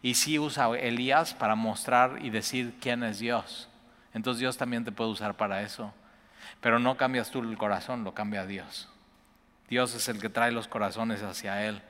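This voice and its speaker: A man preaching a sermon as pastor, moving between hushed prayerful quotations and loud excited bursts. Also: on the low side, normal speed, long reverb tail.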